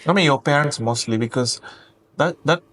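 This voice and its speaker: Hosting a relaxed interview, this young Senegalese project founder in his twenties keeps laughing, offers warm praise and repeats "yeah" a lot. He talks at a normal speed in a slightly high voice.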